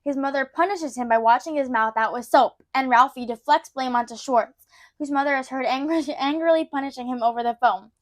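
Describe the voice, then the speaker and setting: A woman's voice: sits high, a little fast. A young woman co-hosting a podcast, chatting casually with lots of fillers and reading plot summaries. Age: young adult. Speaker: podcast co-host, daughter.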